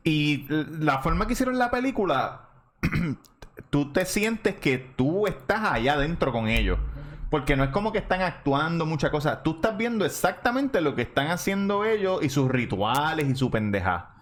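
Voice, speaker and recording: A man's voice: fairly high pitch, very animated, normal speed. A man with a Puerto Rican accent co-hosting a podcast in casual banter, crude and teasing, often repeating his phrases. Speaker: podcast co-host.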